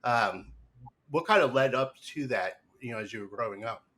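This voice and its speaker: A man's voice: mid-range voice, moderate pace, sharp tone. A man hosting a casual live podcast interview, talking loosely with many fillers and restarts. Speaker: podcast host.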